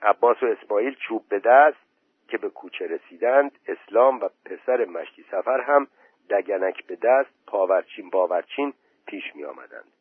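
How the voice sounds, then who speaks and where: A man narrating a story aloud in a steady, measured audiobook reading. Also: fairly low pitch, breathy edge, dry recording. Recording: tinny phone-like recording.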